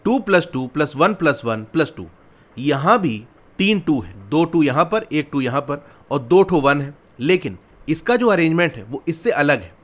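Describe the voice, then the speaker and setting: A man teaching a maths lesson, explaining patiently step by step and asking questions, reading lines. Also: on the high side. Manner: patient, repeats steps and asks questions.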